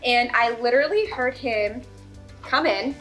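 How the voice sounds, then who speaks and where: A woman's voice: a little high, a little slow, fairly bright tone, soft background music. A woman in her thirties, co-hosting a casual chat show and telling a rambling story with lots of giggles. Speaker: podcast co-host.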